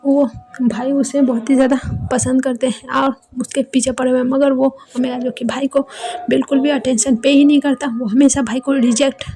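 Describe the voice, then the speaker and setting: A mischievous teenage girl, the cheeky little sister, full of wild ideas and pleading, played by a woman in a storybook retelling. High, soft and mellow, with little rise and fall. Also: flat delivery, brisk, faint music behind.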